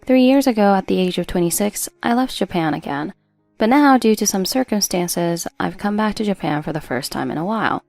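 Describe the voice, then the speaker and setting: A woman reading a first-person drama story as a narrator in a steady storytelling delivery. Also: mid-range voice, brisk, creaky, no room sound, faint music behind.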